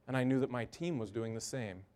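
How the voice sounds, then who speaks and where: A man who works in an emergency room gives a personal storytelling talk, earnest and halting, with short repeated phrases. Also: medium pitch, a little mellow. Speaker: emergency room medical worker.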